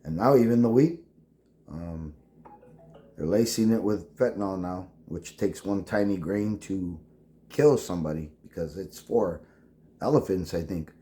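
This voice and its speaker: A man, speaking in a halting personal monologue full of restarts. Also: deep voice, dark tone. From El Paso, Texas. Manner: halting, with many restarts and fillers. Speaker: veteran vlogger.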